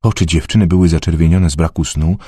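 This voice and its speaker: A man narrating an audiobook in a measured, expressive reading. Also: deep voice, husky, dry recording, clean studio sound.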